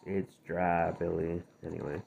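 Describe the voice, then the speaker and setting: His voice low-pitched, level and a bit mellow from having just woken up, this gaming channel host talks casually over gameplay at a measured pace, gravelly and dry. Topics drift and he keeps correcting himself, while the phone screen recording sounds tinny with faint noise.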